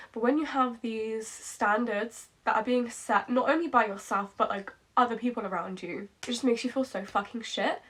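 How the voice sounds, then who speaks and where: Early-20s woman, reflective vlogger, candid and rambling, slightly high voice. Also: a bit bright. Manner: candid, rambling, repeats herself, frequent "like". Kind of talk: late-night reflective vlog.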